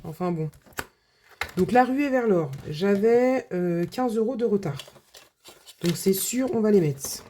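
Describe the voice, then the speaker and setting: A woman's voice: mid-range voice, animated, slow pace, mellow, a little hiss or hum. A woman budget vlogger chatting casually to her viewers, full of filler words and restarts. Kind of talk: casual vlog chat.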